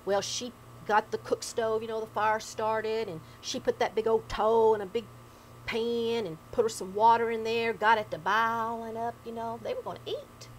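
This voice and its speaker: A woman's voice: on the high side, normal speed, slight background noise, low-quality recording. A woman with an Appalachian accent telling folk tales in dialect, in a folksy, dramatic way. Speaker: storyteller. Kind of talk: oral folk storytelling in dialect.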